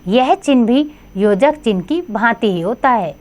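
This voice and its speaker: A woman teaching a grammar lesson to children in a clear, sing-song teacherly way. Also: on the high side, animated, unhurried, a little mellow.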